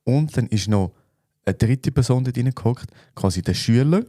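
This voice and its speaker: Mellow Swiss German man, unhurried chat. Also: mid-range voice, no room sound, studio quality. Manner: relaxed, thinks aloud with fillers. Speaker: podcast co-host. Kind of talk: casual chat.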